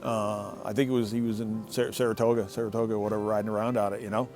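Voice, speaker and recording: A man's voice: lowish voice, little pitch movement, quick pace, darkish tone, soft background music. A middle-aged man telling a casual, rambling story from his shed workshop, often restarting and repeating words. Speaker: motorcycle owner telling a story.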